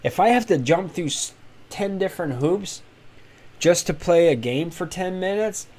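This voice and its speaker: A man's voice: high-pitched, expressive, moderate pace, darkish tone. Candid male crypto streamer, opinionated. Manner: candid, opinionated, rambling with restarts. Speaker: host of a crypto live stream. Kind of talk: casual live-stream talk to chat.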